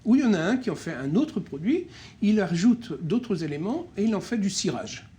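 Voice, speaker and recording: A middle-aged French-speaking man, co-director of a nonprofit, answers interview questions in a high, very animated, warm voice. His speech is full of pauses, fillers and restarts.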